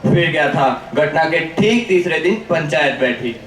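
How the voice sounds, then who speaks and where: A man's voice: fairly high pitch, lively intonation, normal speed. A young male student narrating a school stage play in a plain storytelling manner. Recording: distant echoey hall with noise.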